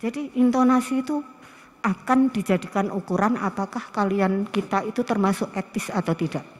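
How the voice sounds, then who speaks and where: Woman, middle-aged, Javanese accent, university lecturer, lively lecture, rhetorical questions, long hall reverb. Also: medium pitch, a little fast. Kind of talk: classroom lecture.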